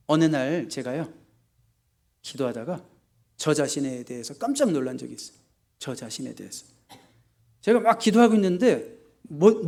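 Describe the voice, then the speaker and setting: A male pastor preaching in church, asking the congregation questions and answering them himself, with sharp rises for emphasis. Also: fairly high pitch. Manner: emphatic, often rising sharply for stress. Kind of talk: sermon. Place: church sanctuary.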